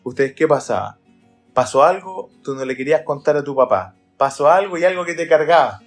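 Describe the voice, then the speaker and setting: Earnest pastor explaining scripture. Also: male voice, fairly high pitch, lively intonation, brisk, faint music behind. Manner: earnest, explains by acting out readings. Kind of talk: podcast Bible discussion.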